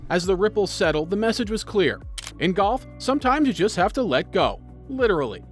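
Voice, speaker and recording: Casting: male narrator, notably high voice, dramatic scripted storytelling for video, music underneath. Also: sing-song, a little fast.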